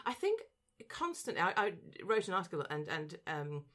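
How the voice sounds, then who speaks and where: A woman hosting a casual chat, telling animated stories and acting out her dogs' reactions. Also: on the low side, normal speed. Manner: animated storyteller, acts out her dogs, frequent restarts.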